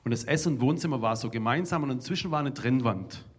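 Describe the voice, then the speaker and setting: A man gives a lively storytelling talk to young people and parents, acting out remembered dialogue. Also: medium pitch, fast talker, husky. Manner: animated, shouts out remembered dialogue. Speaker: speaker addressing an audience of young people and parents.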